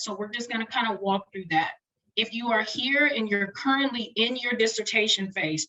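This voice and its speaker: Bright-voiced woman lecturing quickly online. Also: mid-range voice, poor audio. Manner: rapid, chatty, friendly lecturing. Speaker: webinar presenter for doctoral students.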